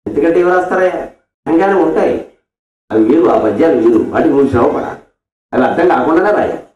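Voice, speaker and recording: High-voiced man giving an echoey devotional discourse. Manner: animated storytelling, mixes explanation with slow chanted verse. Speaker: spiritual discourse speaker. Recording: echoey, distant, dull lo-fi sound.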